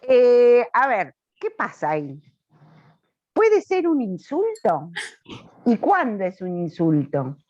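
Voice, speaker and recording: Lady teaching online, slow, keeps checking if we get it, muffled call audio. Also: a little high, wildly swooping pitch, darkish tone. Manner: slow, questioning, checks understanding often. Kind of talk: online class lecture. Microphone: video call. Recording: dull lo-fi video call audio.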